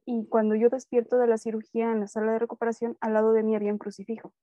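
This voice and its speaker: A young woman with a Mexican Spanish accent tells a personal faith story, lively and acting out little bits of dialogue. Her voice sits fairly high and sounds warm and mellow. The recording is dry and a bit dull. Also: very fast, no echo. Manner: animated storytelling, acts out dialogue. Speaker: guest sharing testimony. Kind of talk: personal faith testimony, casual chat.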